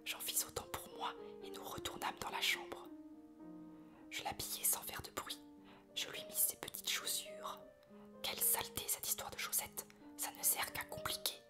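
A woman whispers a story in a breathy ASMR reading. Her delivery is slow and soft, with piano music playing clearly behind her.

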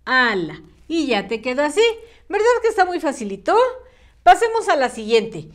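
A woman's voice: high voice, big pitch swings, normal speed. A woman teaching a children's spelling lesson, patient and sing-song, using diminutives. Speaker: primary school teacher.

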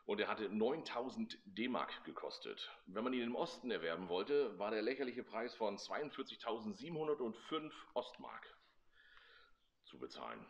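Brief: man, 30s, low voice, chatty and wry tour guide, slightly muffled recording. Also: big pitch swings, normal speed. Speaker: club member presenting a vehicle collection. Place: large indoor exhibition hall. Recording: slightly dull, lo-fi sound.

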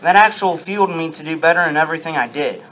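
A young man with a fairly high, somewhat bright voice talks fast, playing a proud Confederate statesman in an amateur sock-puppet show and reciting stiff, scripted lines with earnest pride. The low-quality recording carries a little hiss or hum over his natural voice, in a darkened room with a projection screen and the puppeteers crouched low at the front.

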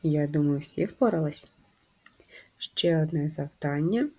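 Woman primary teacher, husky, slightly low voice, patient handwriting lesson for six-year-olds. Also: darkish tone. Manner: slow, patient, guiding children step by step. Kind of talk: handwriting lesson for first graders.

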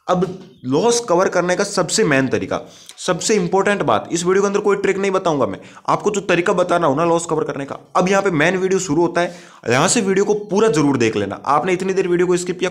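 A man hosting a casual tutorial over gameplay. He speaks directly and repeats himself, often checks that the listener understands, and calls the viewer brother. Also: on the high side. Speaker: YouTube gaming-tips host.

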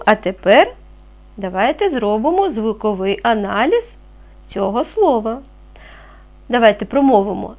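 A woman teaching a reading lesson to young children, speaking clearly and patiently, asking them questions as she goes. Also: a little high, darkish tone. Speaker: primary school teacher.

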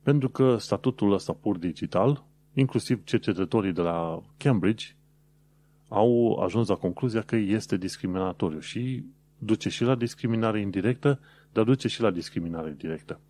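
A man's voice: lowish voice, mellow. A man from Romania hosting his own podcast, explaining practical tips in a casual, conversational way with frequent hesitant fillers. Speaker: podcast host.

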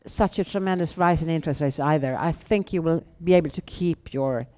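A middle-aged woman with a Swedish accent, answering questions on stage in a measured, halting way with pauses. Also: low-pitched, dark tone. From Sweden. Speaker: guest, bank founder and chief executive. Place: indoor event room on a small stage. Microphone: headset.

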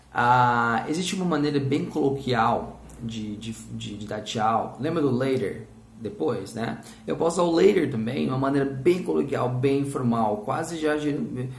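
A lively man teaching English in a video lesson, with Portuguese as his first language, drilling his students to repeat after him. His voice has a gravelly, creaky edge, and the recording carries a noticeably echoey room sound. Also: mid-range voice.

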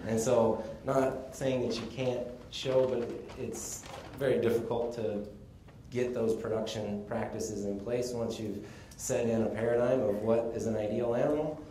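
A man from Texas gives a casual conference presentation, explaining things in a relaxed way with the odd chuckle. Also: medium pitch, measured pace, slight background noise. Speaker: conference speaker on sheep breeding. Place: conference room. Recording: echoey conference room, faint ambience.

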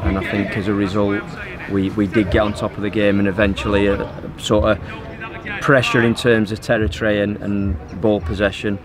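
Flat-toned football manager outdoors. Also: male voice. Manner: measured, even and level, with frequent fillers. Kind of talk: post-match interview. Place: outdoors on a football pitch by the stands. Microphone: handheld phone held by interviewer. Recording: outdoor pitch with crowd noise behind. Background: crowd noise.

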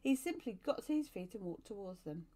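A woman's voice: mid-range voice, expressive, a little fast, dark tone. Woman reading a novel aloud. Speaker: storyteller.

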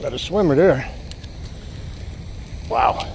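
A man wearing a chest-mounted action camera magnet fishes by a city pond, chatting casually and exclaiming at his finds. His medium-pitched voice is expressive and creaky, delivered at a slow pace. Loud wind and water noise fill the outdoor recording.

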